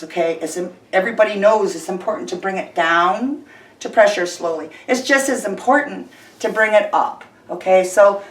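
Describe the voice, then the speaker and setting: A woman's voice: fairly low pitch, echoey room. A middle-aged woman chatting instructively and folksily as she cooks in a home kitchen, with machine noise behind her. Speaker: host of a home canning video. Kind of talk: casual instructional chat while cooking. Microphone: camera a short distance away. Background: kitchen appliance machine noise.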